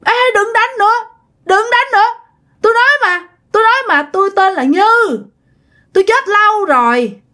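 A whiny young ghost girl speaks through a possessed grandmother, voiced by a woman telling the tale. Her voice is high and leaps around in pitch as she wheedles and complains. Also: animated, measured pace, a bit bright, heavily acted. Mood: pleading.

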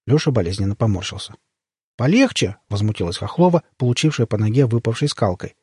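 A man narrating a humorous story in a wry, expressive reading voice, with a husky tone. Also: lowish voice, fast, no room sound, studio quality. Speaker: audiobook narrator.

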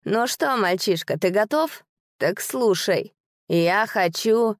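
A woman voicing a spiteful male rival who hisses and sneers in slow, drawn-out words. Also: mid-range voice, lively intonation, no echo, clean studio sound. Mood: gloating. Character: spiteful gloating rival nobleman.

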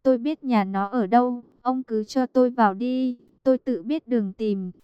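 A woman's voice: a little high, moderate pace, smooth, dry recording, dull audio, close to an everyday voice. A woman reading an audiobook and voicing a desperate aunt around fifty who wails and scolds. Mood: pleading. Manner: wailing, scolding. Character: middle-aged aunt, shrill and desperate.

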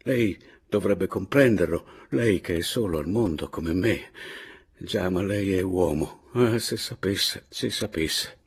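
A man's voice: low-pitched, slow pace, slightly rough, heavily acted. A man voicing a tearful, bitter aging spinster who pleads and laments in an audiobook reading. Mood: despairing plea.

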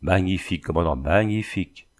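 A man voicing a rough, hard-drinking sailor henchman from an old adventure storybook. He answers his captain with coarse, blustering eagerness in a lowish voice. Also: brisk, natural voice. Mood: eager. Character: rough, boozy male sailor, loyal henchman.

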